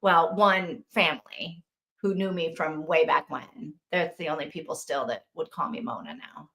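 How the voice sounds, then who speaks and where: A woman's voice: sits low, normal speed, a bit bright. A woman in a casual book club chat, musing and wondering aloud about the story and her own family.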